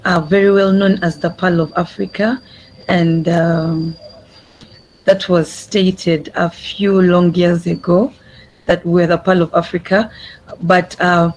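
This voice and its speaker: Young adult, earnest speech, repeats phrases, mid pitch, video call audio. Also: flat delivery, takes it slowly, slight background noise, rough recording. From Uganda. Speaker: youth speaker. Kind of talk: prepared speech at an online summit.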